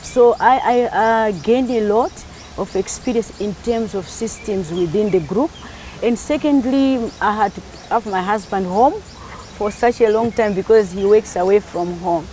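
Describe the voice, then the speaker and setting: A woman's voice: medium pitch, unhurried, warm tone, a little hiss or hum, rough recording. A middle-aged woman from Malawi, talking in a casual interview and laughing easily.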